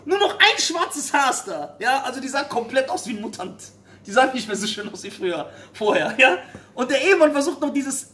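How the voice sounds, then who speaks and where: A comedian telling a joke in a casual, animated way, tossing in a questioning "ja?" again and again. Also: male voice, very high voice. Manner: animated, filler-heavy ("ja?").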